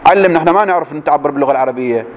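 A man teaches a class, reading a text slowly and then explaining it by firing quick questions at his students. His voice is on the high side, and the audio sounds dull.

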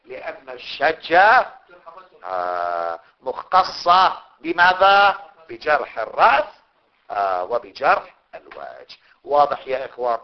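A man's voice: medium pitch, very animated, a little slow. A man teaching a class on a religious legal text, constantly quizzing his students with fill-in questions and repeating key words. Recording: muffled lo-fi recording.

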